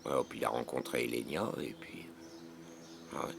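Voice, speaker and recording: A man's voice: rumbling low, moderate pace, gravelly, noisy background. A man from France in casual chat with a slightly worn-out voice, folksy and talkative. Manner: chatty, folksy, keeps saying "mon gars". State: voice a bit worn out. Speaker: vlogger.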